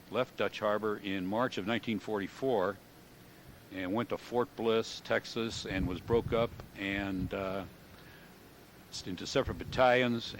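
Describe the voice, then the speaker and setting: An American man in his seventies speaks in a fairly low voice, as an old veteran remembering wartime service. His delivery is halting and matter-of-fact, pausing as he recalls details. A light background noise runs beneath the recording. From United States. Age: 70s. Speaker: World War II veteran giving an interview. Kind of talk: oral history recollection.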